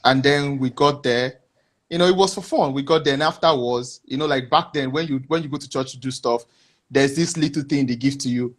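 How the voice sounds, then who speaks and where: A man speaks in a mid-pitched voice over a video call. He answers at an easy, reflective pace, often stopping and restarting his sentences. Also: a little fast. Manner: hesitant, many restarts, reflective. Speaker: interview guest. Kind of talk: casual interview answers.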